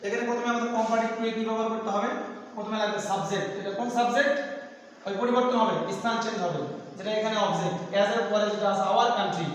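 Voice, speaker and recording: A teacher giving a grammar lesson, explaining step by step and asking questions, then answering them himself. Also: male voice, sits high, fairly even intonation, fast talker, slight background noise. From Bangladesh. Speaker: assistant teacher. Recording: echoey room, voice far from the mic.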